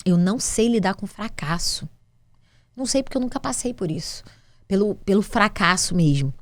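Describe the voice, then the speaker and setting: A Brazilian woman who owns a restaurant business is a guest in an interview, telling a personal story with feeling. She's animated, acting out conversations with many restarts. Her voice is medium-pitched at a moderate pace, with no echo.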